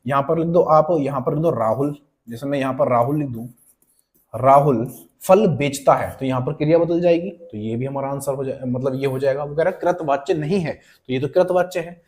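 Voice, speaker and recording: A man teaching an online exam-prep grammar lesson, talking to students like friends, checking that they follow and slowly repeating key words and example sentences. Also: mid-range voice, darkish tone. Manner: conversational and coaxing, checks in with students often.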